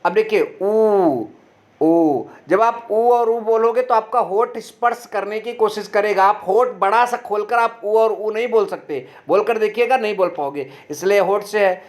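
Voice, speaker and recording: A man with a high-pitched voice teaches an online grammar lesson. He asks questions and then answers them himself. He drags out each letter sound slowly and clearly to show how it is made. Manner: explains step by step, asks and answers his own questions.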